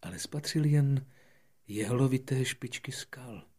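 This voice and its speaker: A man narrating an audiobook fairy tale in an expressive storytelling manner, moving between soft and lively passages. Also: mid-range voice.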